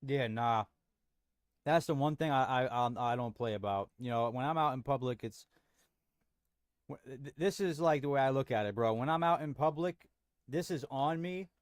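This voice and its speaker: This is a young man's home livestream, where he chats casually with viewers, rambles, restarts frequently, uses slang, and keeps saying "bro." His medium-pitched voice is clean at a moderate pace, in clean studio sound with no room sound.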